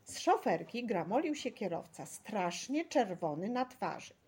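Lively woman reading a children's story. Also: medium pitch, unhurried, husky. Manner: lively storytelling, voices the crowd. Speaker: narrator. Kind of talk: audiobook narration.

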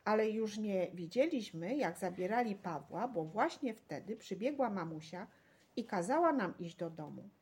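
Brief: woman audiobook narrator, animated storytelling, a little husky. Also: mid-range voice, moderate pace. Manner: lively storytelling, voices the crowd.

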